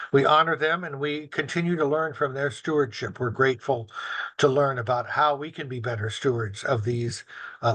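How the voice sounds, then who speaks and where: A man's voice: medium pitch, a bit bright. A man hosting a community talk show, reading sponsor notes and announcements with frequent fillers. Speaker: host, senior center director.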